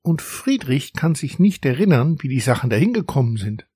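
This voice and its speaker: A man voicing a caring, slightly worried mother in a children's audiobook, speaking gently. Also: medium pitch, sing-song, normal speed, husky, no room sound, studio quality. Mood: concerned. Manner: gentle, concerned.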